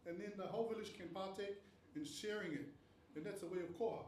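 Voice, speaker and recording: A man who grew up in Tonga gives an academic panel presentation on research stages, earnest and explanatory, often posing rhetorical questions. His voice is high, fast and a little mellow, heard in a panel venue room on a roomy, distant mic with faint noise.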